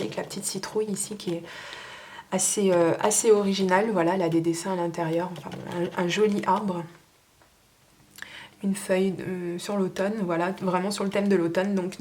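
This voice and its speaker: A woman's voice: mid-range voice, level tone, a little fast, a little mellow, slight background noise. A woman casually showing and pricing her craft stamps one by one, talking in a hesitant, chatty way with many fillers. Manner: chatty and informal. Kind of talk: casual show-and-tell sale.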